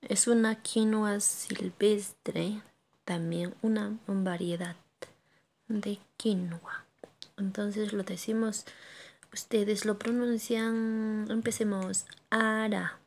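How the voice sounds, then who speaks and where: A woman teaching a language lesson, saying each word slowly and repeating it for learners to echo. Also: mid-range voice, fairly even intonation, a little mellow.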